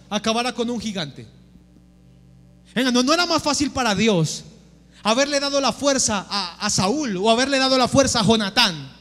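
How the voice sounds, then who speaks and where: A man preaches in a very high, sharp voice, asking his congregation question after question. His voice rings out in a big, reverberant church hall. Soft music plays behind him. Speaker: pastor. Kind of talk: sermon. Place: church sanctuary.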